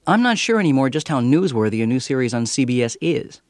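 A man's voice: mid-range voice, sing-song, fast talker, dry recording, studio quality. An American man reading a scripted radio review as a TV critic, with a wry manner.

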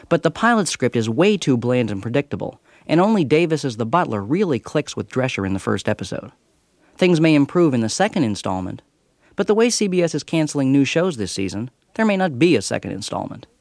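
A man's voice: mid-range voice, no echo, clean studio sound. An American man reading a scripted radio review as a TV critic, with a wry manner.

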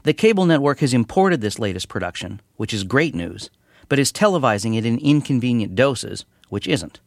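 A man's voice: mid-range voice, very animated, normal speed, creaky, dry recording, clean studio sound. An American man delivering a scripted radio review as a television critic. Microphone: close studio microphone.

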